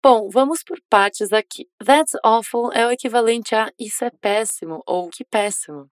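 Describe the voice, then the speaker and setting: Female English teacher, patient explainer who slows down to model phrases, close dry voice. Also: fairly high pitch, smooth, dry recording. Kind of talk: language lesson narration.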